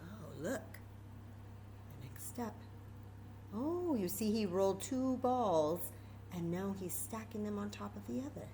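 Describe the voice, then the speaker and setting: A warm, mid-range female voice carries this children's storytime, expressive and measured, with frequent pauses and a little hiss or hum. The host is an American woman from Texas who talks directly to young listeners, switching between reading and chatting.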